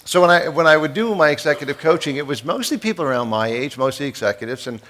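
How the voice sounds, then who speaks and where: A man's voice: a little high, lively intonation, fast talker, a bit bright. A man in his fifties, from the East Coast, giving a folksy, joking keynote speech and asking the audience questions. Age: 50s. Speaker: keynote speaker.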